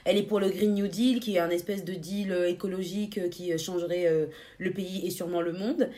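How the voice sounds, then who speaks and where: A young woman co-hosting a casual podcast, bubbly, laughing often and filling pauses with hesitations. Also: on the low side, fairly even intonation, mellow. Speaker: podcast co-host.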